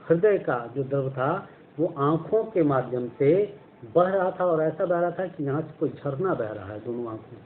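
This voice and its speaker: A male teacher explaining a textbook story, glossing words and asking and answering his own questions. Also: mid-range voice. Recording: tinny phone-like sound, faint noise.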